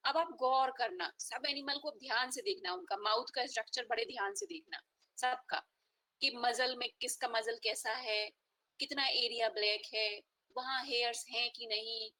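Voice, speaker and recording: A woman's voice: a little high, sharp tone, rough recording. An Indian woman teaching an online veterinary anatomy class, mixing Hindi and English and often checking in with her students. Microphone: online class audio.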